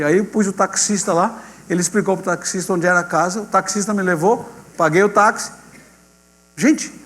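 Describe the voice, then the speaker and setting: High-voiced Brazilian pastor in echoing hall. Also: male voice. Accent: Brazilian Portuguese. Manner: animated storyteller acting out dialogue, addressing congregation as "gente". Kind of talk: sermon testimony storytelling. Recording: long hall reverb with mains hum.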